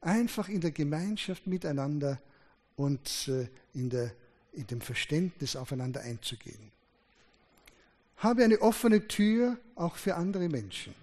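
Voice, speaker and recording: Preacher in a reverberant hall. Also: male voice, a little high, big pitch swings, measured pace, darkish tone. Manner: emphatic, rising and dropping sharply for stress. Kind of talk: sermon.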